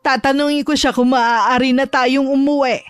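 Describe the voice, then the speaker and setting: A woman playing a worried, tender grandmother in a horror audio drama, coaxing her grandchild gently. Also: sits high, fairly even intonation, normal speed, clean tone, soft background music, close to an everyday voice.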